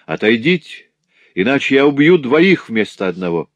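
A man's voice: medium pitch, very animated, normal speed, no room sound, dull audio, voice pushed up. Man doing a frantic grieving old craftsman. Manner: frantic, crying out. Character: desperate grief-stricken older male craftsman father.

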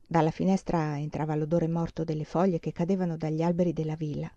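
A woman reading a novel aloud in a calm, measured way, on a slightly dull lo-fi recording. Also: low voice, dry recording. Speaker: audiobook reader. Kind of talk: literary audiobook narration.

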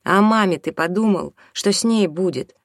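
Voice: medium pitch, moderate pace, dry recording, clean studio sound, pitched above the performer's own voice, natural voice. Reader voicing an angry teenage son. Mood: resentful. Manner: sarcastic and accusing, tense. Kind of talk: audiobook character reading.

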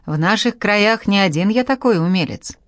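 A woman reading the lines of a bold, unflappable male master blacksmith in an audiobook, calm and cheekily confident. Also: mid-range voice, normal speed, no echo, studio quality, pitched above the performer's own voice, lightly acted.

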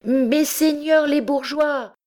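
Une femme imitant un comédien effrayé qui bafouille. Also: female voice, high-pitched, extremely slow, a little mellow, pitched above the performer's own voice. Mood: bellowing. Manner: stammering, then bellowing. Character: frightened male stage actor playing a god.

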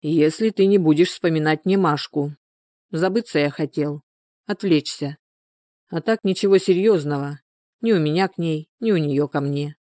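A woman's voice: low-pitched, normal speed, dark tone, no echo, studio quality, close to an everyday voice. A woman voicing a weary village husband who speaks bluntly and lays down his terms.

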